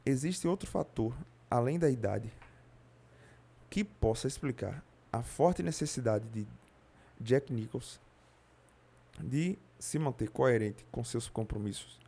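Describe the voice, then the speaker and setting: A man with a Brazilian Portuguese accent reads a nonfiction audiobook in a dark, mellow voice. His delivery is steady and plain, with a few slips he stops to correct. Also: mid-range voice, takes it slowly, gravelly, long pauses. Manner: steady reading with occasional slips and self-corrections. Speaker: audiobook reader. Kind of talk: reading a nonfiction audiobook aloud.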